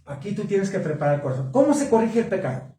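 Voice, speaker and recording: Animated preacher, high voice. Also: male voice, fast talker. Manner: animated, asks the congregation questions. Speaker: pastor. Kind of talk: sermon at a marriage conference. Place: church hall. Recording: echoey hall, mic from a distance.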